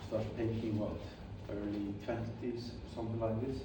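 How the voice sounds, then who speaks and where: A man's voice: on the low side, little pitch movement, moderate pace. Rambling man from iceland in an echoey studio. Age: 40s. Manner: rambling, self-correcting, chatty. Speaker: painter demonstrating his materials. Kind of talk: casual studio chat. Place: painting studio. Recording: very echoey studio, distant mic, clear background noise.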